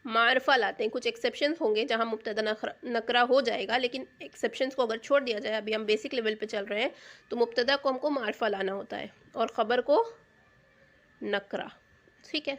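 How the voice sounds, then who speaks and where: A woman teaching a grammar lesson. She explains patiently, repeats key terms, and asks rhetorical questions to check understanding. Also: fairly high pitch.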